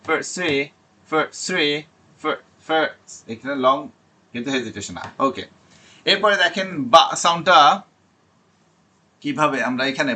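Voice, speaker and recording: A man running an online spoken English class, explaining in Bengali and drilling English words again and again. His voice is bright and forward, at an ordinary male pitch. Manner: repeats example words slowly, drilling sounds; switches between Bengali and English. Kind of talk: online pronunciation lesson.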